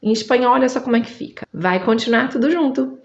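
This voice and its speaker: A Brazilian woman whose first language is Portuguese, teaching Spanish in an online lesson, drawing out each word slowly and checking in with her listener. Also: fairly high pitch, vocal fry, roomy sound, highs cut off. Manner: slow, drawn-out drilling of words, checks in with the listener.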